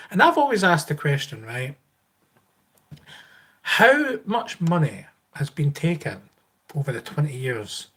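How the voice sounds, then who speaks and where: A man with a Scottish accent chatting casually and informally as a livestream host, rambling as he answers viewers. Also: medium pitch. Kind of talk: casual live Q&A chat, reading and answering viewer comments.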